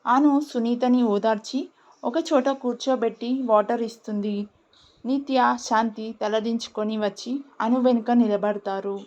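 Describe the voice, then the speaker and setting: Woman storyteller, steady reading, higher pitch, dull lo-fi recording. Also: normal speed. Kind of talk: audiobook story narration.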